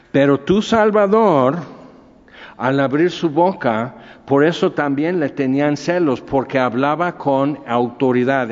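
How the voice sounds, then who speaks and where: Slow-talking preacher in a hall. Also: male voice, on the high side, a little mellow. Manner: conversational preaching with asides and questions. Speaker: pastor. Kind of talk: sermon. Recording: dull sound with long hall reverb.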